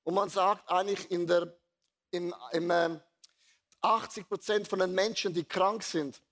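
A man preaches a sermon with a high voice. He talks in a lively storytelling manner, blunt and earthy. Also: a little slow. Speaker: pastor.

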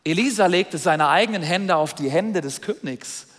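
A man preaching a sermon, retelling a scripture story with lively asides, in a large church hall. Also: high-pitched, moderate pace. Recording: long reverb of a large hall.

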